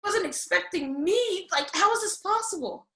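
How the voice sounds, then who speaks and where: A woman plays a small storybook girl with a very high, bright voice, all flustered sarcasm and nervous defiance. She is acted for a comedic radio play, in a roomy, echoing space. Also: expressive, moderate pace, full character voice. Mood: startled, snippy.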